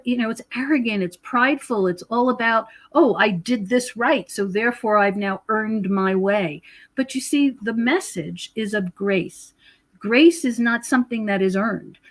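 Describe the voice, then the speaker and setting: A woman with a voice on the high side, speaking at a moderate pace, guests on a podcast as an author and researcher of prophecy. In this conversational interview she gives spiritual explanations in an emphatic, preachy way, repeating words and checking in with the listener.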